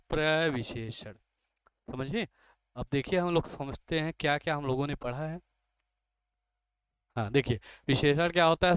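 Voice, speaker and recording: A man's voice: fairly high pitch, a bit bright, smooth, no echo. A man teaching grammar in an exam-coaching lesson, asking a question and then answering it himself, and repeating each key term several times.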